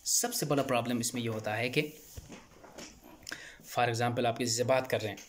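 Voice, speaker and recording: A man giving an earnest explanatory talk as a channel host, often repeating words and restarting phrases, and rising in pitch when he stresses a point. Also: steady tone, normal speed, slight background noise. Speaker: channel host speaking on stammering.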